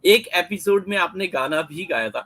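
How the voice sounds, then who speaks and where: A man's voice: high voice, expressive, moderate pace, fairly bright tone, breathy edge, no room sound, poor audio. A man hosting an interview over a video call, asking respectful questions in a polite, deferential manner. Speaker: host.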